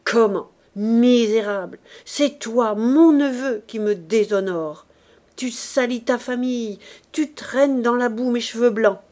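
A woman's voice: a little high, takes it slowly, a little mellow. A woman reading an audiobook, voicing an old man who blusters and weeps at his nephew. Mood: outraged. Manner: tearful, blustering and stammering. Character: older man, tearful jilted uncle.

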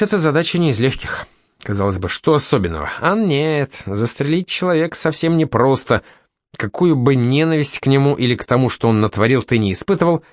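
Male narrator, first-person novel read, wry delivery, expressive pitch, dry booth sound. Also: no echo. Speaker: audiobook narrator.

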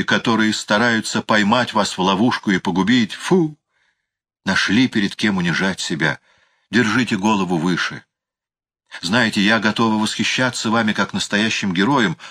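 A man's voice: fairly low pitch, a bit bright. A man voicing a fervent young girl. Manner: fervent, reassuring. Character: earnest young Scottish girl, loyal and proud.

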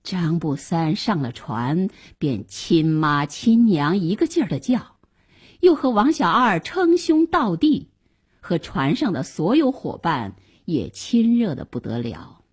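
A woman narrating a children's story slowly and expressively. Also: fairly low pitch, big pitch swings, a little mellow, breathy edge.

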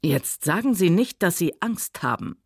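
A woman reading a novel aloud, voicing a worldly, sardonic Southern gentleman who speaks coolly and mockingly. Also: lowish voice, sing-song, measured pace, breathy edge, no echo, clean studio sound, exaggerated voice. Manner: sardonic, cool, later soft and soothing.

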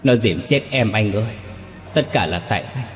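A man's voice: on the low side, lively intonation, normal speed, long reverb tail, faint music behind, lightly acted. A man voicing the ghost of a murdered young woman who pleads and cries out for help. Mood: desperate wailing.

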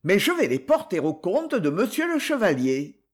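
A man's voice: sits high, wildly swooping pitch, normal speed, full character voice. A man doing a fretful, fussy creditor. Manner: fretful, muttering to himself. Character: fussy, penny-pinching male creditor.

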